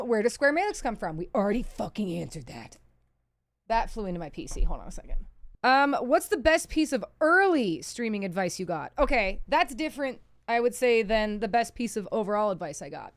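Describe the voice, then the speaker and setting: This woman's medium-pitched voice carries no echo. She's indoors at her PC, livestreaming and answering her chat's questions casually, candid, self-deprecating and full of swearing.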